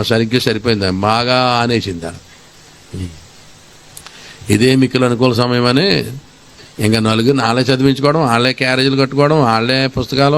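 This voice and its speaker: A middle-aged male pastor tells his testimony in an animated, storytelling way. He acts out his own prayers and conversations. He drops English phrases into his speech, with a faint hiss of noise behind him. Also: mid-range voice.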